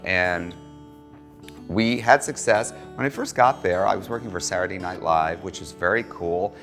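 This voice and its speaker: A man's voice: deep voice, a bit bright. A middle-aged man telling his story in a documentary interview, chatty, wry and self-mocking. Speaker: interviewee, holiday decorator.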